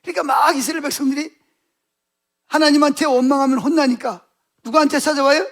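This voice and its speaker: Very high-voiced Korean male pastor. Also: fairly even intonation, quick pace. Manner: storytelling, constant rhetorical questions to the congregation. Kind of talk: sermon.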